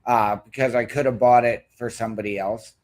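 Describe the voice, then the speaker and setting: A man's voice: medium pitch, fairly even intonation, brisk, a little mellow. A man co-hosting a casual podcast, laid-back and mostly giving brief replies. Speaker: co-host.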